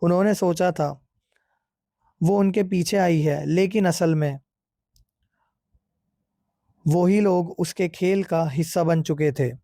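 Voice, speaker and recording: Male horror narrator, high pitched, dark mellow tone, steady suspense. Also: slow, pauses often, dry recording, clean studio sound. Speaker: horror storyteller.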